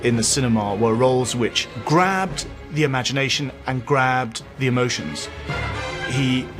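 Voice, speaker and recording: A man's voice: mid-range voice, unhurried, music in the background. A man interviewed as a commentator, speaking in an articulate, emphatic way. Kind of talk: documentary interview.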